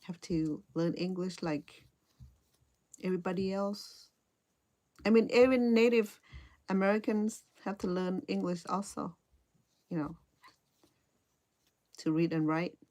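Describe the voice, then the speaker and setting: A woman's voice: lowish voice, measured pace, pauses often, mellow. A middle-aged woman from Cambodia with a Cambodian accent, hesitantly chatting with viewers while teaching crochet and often repeating her words. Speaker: crochet instructor. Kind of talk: casual live-stream chat while crocheting.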